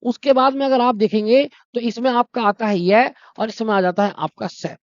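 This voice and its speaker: A man's voice: very high voice, fairly even intonation, normal speed, no echo. A man teaching a Hindi exam-prep lesson, explaining step by step, asking his own questions and answering them, and calling his students brother and friends. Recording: dry, dull lo-fi sound.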